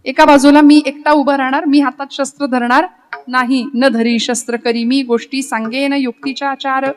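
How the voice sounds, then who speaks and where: A woman's voice: high voice, flat delivery, moderate pace, natural voice. A woman voicing the god Krishna as a teasing cowherd in a devotional sermon story. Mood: humble. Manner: mock-humble, teasing.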